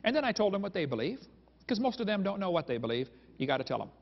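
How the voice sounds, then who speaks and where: A man with a fairly high voice lectures a live crowd, cracking sarcastic jokes and chuckling as he tells his stories. His voice rings out with a long reverb in a big hall. The sound is dull and lo-fi. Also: very animated, fast, vocal fry. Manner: joking, sarcastic storytelling with chuckles. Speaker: creationist speaker. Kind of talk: humorous lecture to a live audience.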